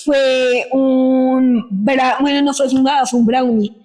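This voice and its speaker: A woman's voice: sits high, slow. A woman, co-hosting a podcast and telling an anecdote in a slangy, laughing casual chat. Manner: expressive, laughing, slangy storyteller. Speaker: podcast co-host.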